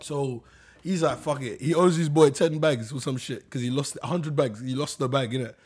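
A man's voice: mid-range voice, normal speed, breathy edge. A young man with a London accent telling stories and bantering casually, full of slang, swearing and jokes. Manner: heavy slang and swearing, animated joking.

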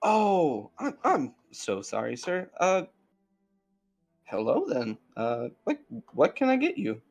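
A man's voice: a little high, huge pitch swings, slow pace, gravelly, a little mellow, dull audio, soft background music, voice pushed up, full character voice. A man voicing a flustered, apologetic human woman bartender in a tabletop game. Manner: apologetic, suspicious.

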